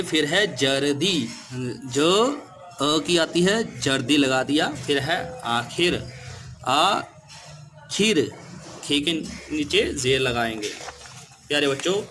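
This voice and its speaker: Slow, bright-voiced male teacher. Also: a little high, a little hiss or hum. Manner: patient, spells words out letter by letter. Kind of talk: spelling lesson for children.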